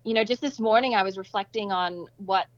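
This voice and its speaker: A woman from Malaysia, raised in Indonesia, Australia and Singapore, is a nonprofit founder giving casual interview answers in an upbeat, chatty way with playful asides. Her voice is medium-pitched and fairly quick, on a dry, muffled recording.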